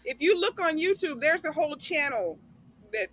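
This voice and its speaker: A woman's voice: high-pitched, sing-song, normal speed, fairly bright tone. A woman chatting casually and chiming in with short corrections. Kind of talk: casual group chat.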